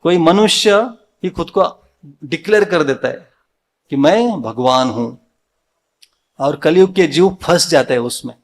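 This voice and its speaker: A man's voice: on the high side, lively intonation, a little slow, pauses often. A man with an Indian accent giving a devotional Sunday sermon in a temple hall, mixing in English words and asking his listeners questions that he answers himself. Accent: Indian, mixing Hindi with English words. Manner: asks the audience questions and answers them himself.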